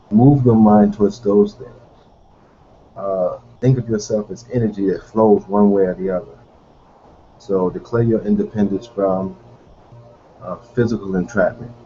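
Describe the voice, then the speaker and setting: A man hosting a live online hangout, musing in a rambling way, with fillers and restarts. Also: fairly low pitch. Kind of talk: casual livestream monologue. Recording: dull lo-fi audio with faint noise.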